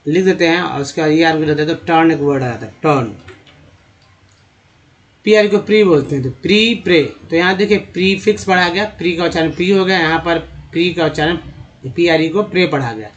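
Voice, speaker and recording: A man with a Hindi accent teaching English reading by sounding out letter groups slowly and repeating each word. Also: on the high side, highs cut off. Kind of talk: slide-based phonics lesson.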